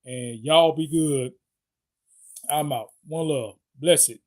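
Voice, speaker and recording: A man hosting his own video, giving a loose, halting sign-off and often stopping to search for words. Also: on the high side, darkish tone. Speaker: video host. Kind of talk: casual vlog sign-off.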